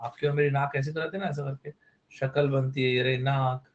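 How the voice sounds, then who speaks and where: A man's voice: mid-range voice, level tone, fairly quick, dull audio. A man giving a casual online vocabulary lesson, chatty and playful, spelling words out letter by letter. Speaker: vocabulary teacher.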